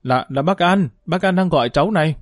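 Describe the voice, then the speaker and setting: A man's voice: on the high side, expressive, fairly quick, a little mellow, no echo, studio quality, lightly acted. A man voicing a worried young man who stammers anxiously, in a storybook reading.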